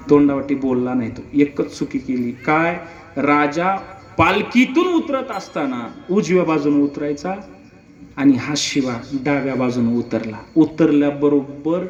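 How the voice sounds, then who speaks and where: A man telling a dramatic historical story emphatically, with repeated lines and rhetorical questions. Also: mid-range voice. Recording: echoey, muffled hall recording.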